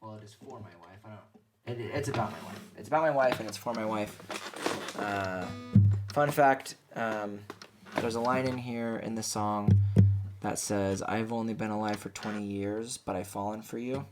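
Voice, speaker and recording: Young male singer-songwriter, vlog host, deadpan goofy humor, casual chatty delivery. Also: lowish voice, moderate pace, loud music behind the voice. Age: young adult.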